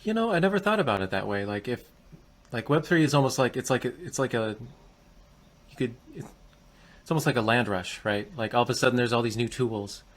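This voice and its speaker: Brisk and animated, a man with a medium-pitched voice hosts a podcast interview. He asks loose, wandering questions in a chatty style, frequently backing up to start them over.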